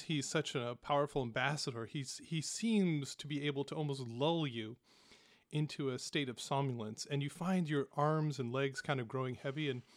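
A man narrating a tabletop game as game master, in a relaxed, descriptive way with casual fillers. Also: fairly high pitch, dry recording, studio quality.

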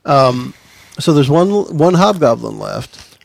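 Gravelly man running a tabletop game. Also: on the high side, very animated, no echo. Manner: halting, searching for words. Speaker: game master. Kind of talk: casual tabletop game narration.

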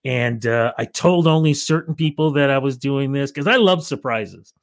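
A Canadian radio reporter in middle age speaks at normal speed with a creaky, mid-range voice, recorded at studio quality with no room sound. As an interview guest, he tells casual stories, animatedly acting out both parties in recalled phone calls.

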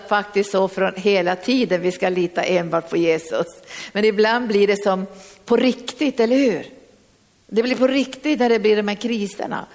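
A woman preaches a fervent sermon, calling out to her listeners. Her voice has a gravelly edge and sits mid-pitched. It rings with the long reverb of a church hall. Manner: fervent, calls out exhortations to the congregation.

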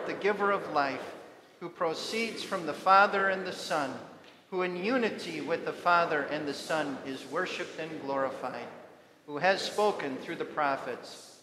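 Pastor with long echoing church reverb. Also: male voice, on the high side. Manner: measured liturgical recitation. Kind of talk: leading liturgy and prayer. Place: church sanctuary. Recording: echoey church hall with congregation.

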